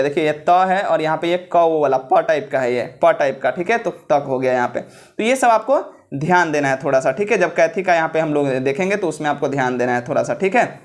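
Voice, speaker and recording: A man teaching an old script, repeating himself and checking in with the listener often. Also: a little high. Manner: repetitive, checks in with "ठीक है" often; slows down to spell out letters. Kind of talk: classroom-style script lesson.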